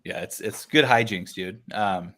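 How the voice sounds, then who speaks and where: A man hosts a casual book club livestream in a loose, slangy way. His voice sits low. He talks easily about characters and plot threads. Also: a little slow, sharp tone. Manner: laid-back, says "dude" and "like" a lot. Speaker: livestream host. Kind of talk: casual online book discussion.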